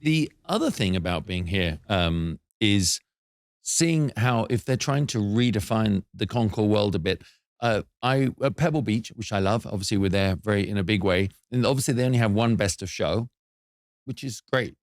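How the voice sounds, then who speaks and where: A man hosts an interview from a studio, his voice sitting on the low side. He speaks earnestly and reflectively, and the recording is close and dry with no room sound. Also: normal speed, no room sound. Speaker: show host. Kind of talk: casual interview chat.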